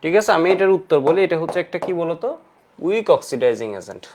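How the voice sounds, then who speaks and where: A man's voice: a little high, very animated, fast talker, darkish tone, a little hiss or hum. A male chemistry teacher gives a lecture, asking questions and answering them himself and mixing in English terms. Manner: mixes English terms into his speech. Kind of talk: online lecture to students.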